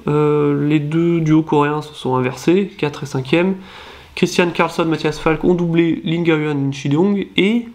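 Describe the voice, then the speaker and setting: A young Frenchman hosts his own channel, reading through rankings casually and hesitantly, full of fillers and self-corrections. He has a cold that makes his voice nasal, and his fairly high, darkish-toned voice stays steady and unhurried.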